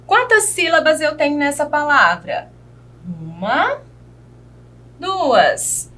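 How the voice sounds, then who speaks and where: Slow, sing-song Brazilian woman teacher. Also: high-pitched, big pitch swings, pushed and bright. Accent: Brazilian Portuguese. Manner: slow, sing-song teacherly delivery, asks children questions. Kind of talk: children's video lesson.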